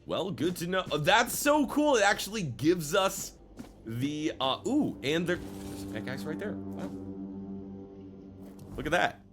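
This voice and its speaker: A man hosting a casual let's play with a lively, swinging delivery. He is playful and jokey as he talks through the game, with faint music behind him. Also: fairly high pitch, unhurried, long pauses. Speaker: gaming video host.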